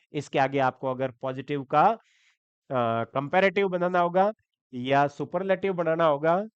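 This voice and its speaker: This Hindi-language lesson features a man teaching English grammar in a clean, somewhat high voice. He goes step by step, spells words out letter by letter and frequently asks whether students are following; the lo-fi recording has no room sound.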